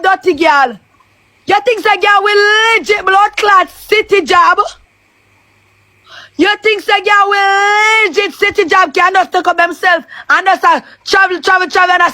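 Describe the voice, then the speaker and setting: Woman, Jamaican accent, very high, sharp tone, shouting crude taunts, live-stream argument. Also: no room sound.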